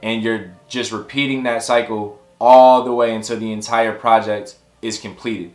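A man's voice: lowish voice, normal speed. Casting note: thirties male coach, casual explainer, echoey room, faint music underneath. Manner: relaxed, conversational, gestures while explaining. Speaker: tech career coach. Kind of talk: explainer to camera. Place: home office with window, indoors. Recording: roomy echo with faint music.

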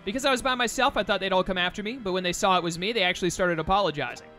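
An earnest, grateful fox creature from a video game, read aloud by a man, speaks sincerely in a high, bright voice. The delivery is measured, with music faintly behind it.

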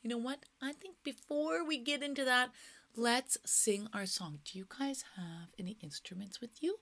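Slow, playful woman teacher with stage whispers. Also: on the high side. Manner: playful, exaggerated, drops often into stage whispers. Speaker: children's music teacher. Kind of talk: children's music class.

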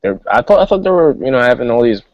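A man's voice: mid-range voice, big pitch swings, quick pace, dry recording. A man co-hosting a casual wrestling chat podcast, airing indignant opinions. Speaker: podcast co-host. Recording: dull, dry lo-fi sound.

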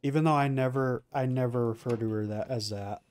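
A man's voice: medium pitch, steady tone, a little fast, a little mellow. Rambling man narrating his gameplay. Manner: rambling, filler-heavy, self-correcting. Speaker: let's play gamer. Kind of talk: casual game commentary.

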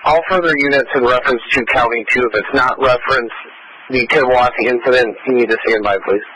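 A man of medium pitch speaks in short procedural messages on police radio. Clear noise runs through the transmission. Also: fast, sharp tone. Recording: noisy police radio channel.

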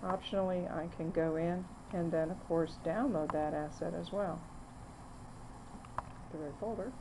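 A woman narrating a screen-recorded software demo, walking through the steps plainly with frequent fillers. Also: fairly low pitch, fairly even intonation, measured pace, background noise. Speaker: software demonstrator.

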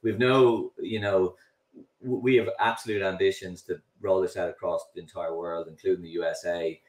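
His voice sits low with a steady tone at normal speed. The guest is a middle-aged Irish founder of a drone delivery company explaining his work in a video call interview, repeating words and restarting often, and the webcam and computer mic produce roomy, slightly distant sound.

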